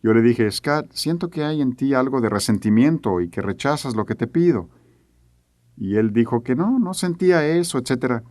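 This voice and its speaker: A man's voice: medium pitch, animated, normal speed, darkish tone, no echo, clean studio sound. A middle-aged man teaching a sermon, telling a family story earnestly and acting out the voices he quotes. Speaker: preacher.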